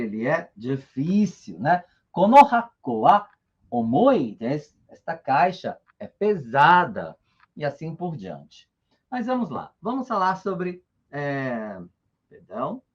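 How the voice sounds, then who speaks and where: A husky-voiced man, teaching with a lively, animated rise and fall in his pitch. He is patient and checks in often with short tags. The recording sounds dull and lo-fi. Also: slow pace. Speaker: Japanese teacher. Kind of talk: online language lesson.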